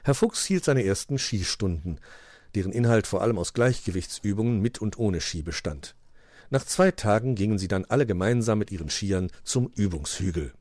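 A man's voice: on the low side, dry recording, studio quality. A man reading a rhyming children's animal story aloud and giving each creature its own voice. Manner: lively storyteller voicing many animals. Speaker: narrator.

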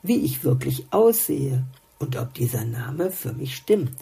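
A grumpy little songbird from a storybook, muttering and doubting everything in a low, gravelly grumble, as a woman reads him. The voice is dark, very husky and slow. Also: sing-song, full character voice. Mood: grumbling, doubtful.

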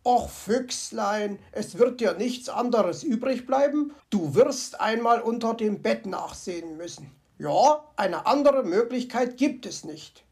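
Storybook fox gentleman, chatty and self-talking, gravelly edge; woman reader puts him on. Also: a little high, expressive, measured pace, few pauses. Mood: bustling. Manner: chatty, talks to himself, comic grumbling. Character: cheerful fussy male fox, Herr Fuchs. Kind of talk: storybook character voice.

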